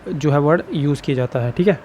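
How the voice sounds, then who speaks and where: Guy teaching shorthand, kinda high voice, says theek hai all the time, bit of hiss. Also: a little mellow, muffled recording. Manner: says "ठीक है" after nearly every phrase, repeats words slowly. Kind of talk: explaining lesson.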